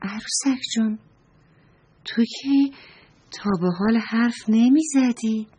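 A woman's voice: on the high side, fairly even intonation, mellow, slight background noise, voice pushed up, natural voice. A woman voicing a little girl in a children's story, speaking in a childlike, surprised way. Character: little girl who neglects a doll.

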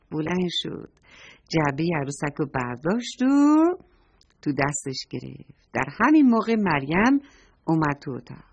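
A woman narrating a children's story, animated and addressing the young listeners directly, on a dull lo-fi recording. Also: deep voice, husky.

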